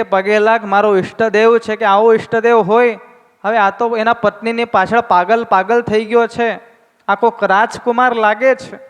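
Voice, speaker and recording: A man's voice: high-pitched, clean tone. A man with a Gujarati accent, a swami telling a scripture story in a sermon, chanting verses and acting out the characters' lines. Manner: dramatic, voices the characters in dialogue. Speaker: swami giving scripture discourse. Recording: long hall reverb.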